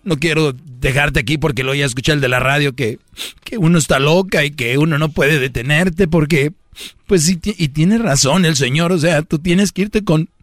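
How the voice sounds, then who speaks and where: A man's voice: on the high side, moderate pace, no echo, studio quality, natural voice. A man voicing a passive-aggressive, guilt-tripping young girlfriend who pleads in a sing-song voice. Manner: sing-song, mixes English and Spanish, sighing and pleading.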